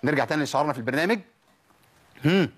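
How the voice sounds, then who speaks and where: A man's voice: on the high side, animated, very fast, husky. A man with an Egyptian accent teaching a tajweed lesson, asking rhetorical questions and drilling letter sounds aloud. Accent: Egyptian Arabic. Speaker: Quran recitation teacher.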